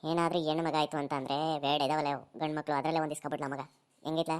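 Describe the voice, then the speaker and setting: Woman doing sly village guy giving advice, low voice, fast. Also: level tone, smooth, natural voice. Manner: coaxing rustic dialect. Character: scheming village man friend full of ideas.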